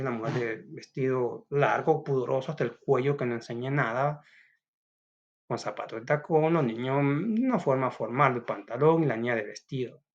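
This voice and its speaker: A man's voice: mid-range voice, muffled recording. A man teaching a recorded school lesson. He talks casually and often asks "va?".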